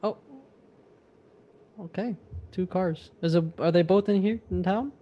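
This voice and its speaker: Slightly high-voiced man hosting a meeting. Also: measured pace, dull audio. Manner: friendly, light teasing remarks. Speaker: meeting host. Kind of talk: casual meeting introductions.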